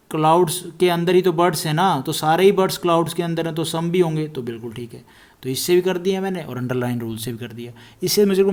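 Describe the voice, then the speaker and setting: Man teaching step by step, slightly high voice. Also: a little mellow. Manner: explains step by step, repeats statements slowly while writing. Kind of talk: exam-prep lesson.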